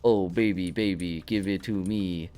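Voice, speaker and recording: A stiff male robot narrator, put on by a man reads in a slow, mechanical voice. The tone sits fairly low and sounds strangely unlike a natural speaker. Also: steady tone, mellow, smooth, faint music behind. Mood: deadpan. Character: male robot narrator reading books aloud.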